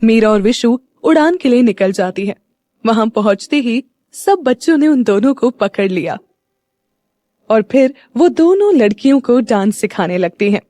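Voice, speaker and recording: A woman's voice: a little high, lively intonation, moderate pace, warm tone, no room sound. Woman narrating an audio story.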